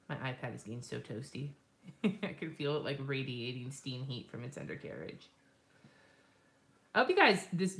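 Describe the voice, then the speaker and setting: A woman's voice: extremely low pitch, fairly bright tone. A woman hosting a live stream, chatting casually and rambling while she draws, swearing freely and laughing often. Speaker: lettering artist and live-stream host.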